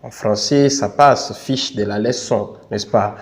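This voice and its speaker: Taking things slowly in a fairly low voice, a man with a Congolese French accent teaches through a screen tutorial. He repeats himself patiently, sprinkles in "n'est-ce pas," and apologises now and then for his English.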